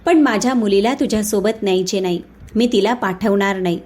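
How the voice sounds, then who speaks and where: A woman's voice: medium pitch, brisk, lightly acted. An angry scolding young husband, as a woman reads him out. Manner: shouting, accusing.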